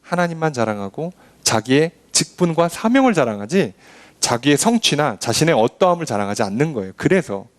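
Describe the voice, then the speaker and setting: Male pastor preaching, bouncy sing-song delivery, slightly high voice, plays out braggy voices. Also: a little fast. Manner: lively preaching, acting out boastful voices with scoffing clicks. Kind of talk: sermon.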